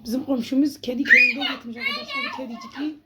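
High-voiced chatty woman at home, coos and calls a cat, swings up and down a lot. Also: huge pitch swings, quick pace, heavy background noise. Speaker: home vlogger. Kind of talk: casual home vlog chat. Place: at home by an open door.

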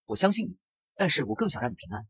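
A man reading as a tearful young bride from a comic, pleading, husky breathy voice, rushed. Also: a little high, big pitch swings, fairly bright tone, no room sound, full character voice. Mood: earnest.

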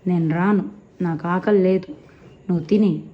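A woman's voice: on the low side, fairly even intonation, moderate pace, natural voice. A woman voicing an irritable young married man who snaps in anger, on a slightly dull recording. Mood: irritated. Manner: snapping, irritated.

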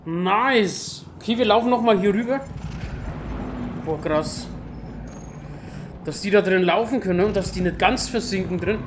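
A man with a Franconian German accent doing excited, casual gameplay commentary, full of loud exclamations. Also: high-pitched, unhurried, long pauses, noisy background. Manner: exclaims a lot, talks to his pet in the game. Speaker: let's player.

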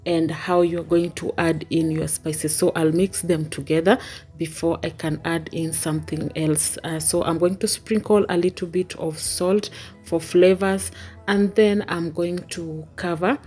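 Husky woman explaining her cooking calmly. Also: fairly low pitch. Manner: calm step-by-step explaining with many "uh" pauses. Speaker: vlogger, stay-at-home mum. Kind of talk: casual cooking voice-over. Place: small home kitchen. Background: soft background music.

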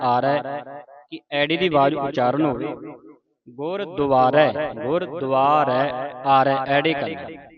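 A man with a Punjabi accent giving a recitation lesson, chanting verse lines and explaining how each word is pronounced, in a measured, repetitive way. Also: mid-range voice, muffled recording. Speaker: scripture pronunciation teacher.

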